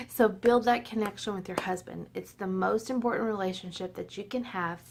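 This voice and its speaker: A woman's voice: medium pitch, moderate pace, gravelly, noisy background. A woman in her forties chatting casually and a little tipsy to her viewers at home, laughing often. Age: 40s. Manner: chatty, laughing, self-deprecating. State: slightly tipsy. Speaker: vlogger. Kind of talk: casual tipsy chat to camera.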